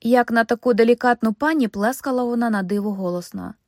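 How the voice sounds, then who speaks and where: A woman's voice: a little high, quick pace, no room sound. Woman reading an audiobook, dry close sound. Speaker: audiobook narrator. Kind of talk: scripted narration.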